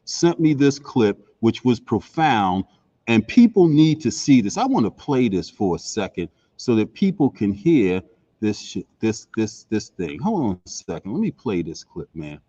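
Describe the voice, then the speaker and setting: A man's voice: lowish voice, sing-song, unhurried, mellow. An American man co-hosting a casual talk show and giving his opinions, on a muffled connection.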